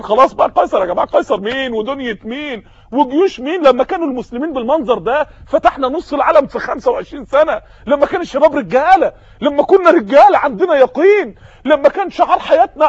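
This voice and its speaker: A man's voice: very high-pitched, no room sound, highs cut off. A man with an Egyptian Arabic accent preaching a sermon, impassioned and firing off rhetorical questions.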